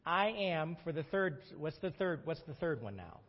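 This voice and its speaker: A man's voice: a little high, moderate pace. A man leading a group Bible study, talking with his class and asking them questions. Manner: lively, conversational, questions the class. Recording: dull audio with long room reverb.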